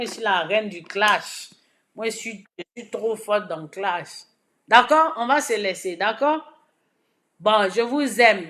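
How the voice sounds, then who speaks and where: Bright-voiced Ivorian woman scolding a rival. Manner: swings from shouting to low, soft advice; repeats words for emphasis. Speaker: political social media commentator. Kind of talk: direct-to-camera message.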